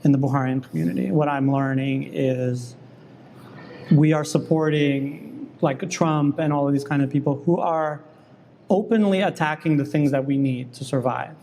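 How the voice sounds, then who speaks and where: A man in the guest seat of an interview, arguing his case insistently and quickly, often cutting in. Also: a little high, steady tone, gravelly, mellow, a little hiss or hum. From New York. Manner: fast, insistent, interrupts and argues back. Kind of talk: heated political debate.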